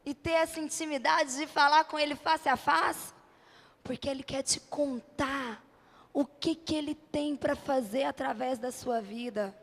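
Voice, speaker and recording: A Brazilian church bishop, a woman with a high voice, delivers an impassioned sermon at a youth event before a congregation, unhurried yet emphatic. She relies on rhetorical questions and short phrases said again and again, and her voice rings through the long reverb of a large hall.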